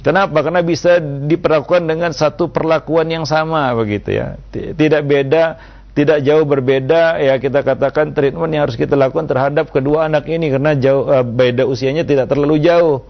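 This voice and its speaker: A male preacher answering a listener's question with calm religious advice, unhurried and full of little "ya" tags, on a dull lo-fi recording. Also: a little high, vocal fry. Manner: unhurried, with frequent "ya" and "kan begitu" tags.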